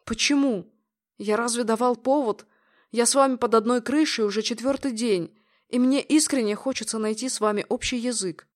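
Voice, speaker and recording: A woman reading an audiobook, voicing a cool businessman who speaks calmly and softly while pressing closer. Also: a little high, moderate pace, lightly acted. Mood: intimate. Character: cool, pragmatic businessman, quietly persistent.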